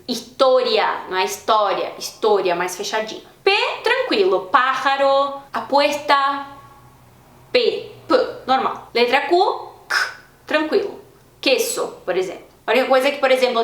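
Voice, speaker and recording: Brazilian woman teaching a lesson, kinda high voice, patient, repeats words slow, echoey room. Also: fairly bright tone. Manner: clear, patient, repeats example words slowly. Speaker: Spanish teacher. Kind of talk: online language lesson.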